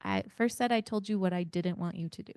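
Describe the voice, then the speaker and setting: A woman with a smooth, clear voice runs an interactive parenting workshop. She keeps firing questions at the group and walks them through little exercises. The sound is dry and close. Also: on the low side, quick pace, a little mellow, no room sound. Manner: engaging, asks the audience many questions. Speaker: parent educator.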